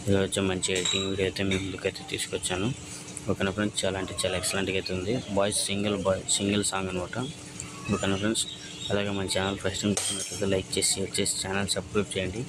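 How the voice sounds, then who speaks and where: Brief: male tutorial host, low, monotone delivery, rushed steps, checks in with "okay friends", loud traffic noise behind. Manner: keeps repeating "okay friends" between steps. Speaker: video editing tutorial host. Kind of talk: casual step-by-step phone app tutorial.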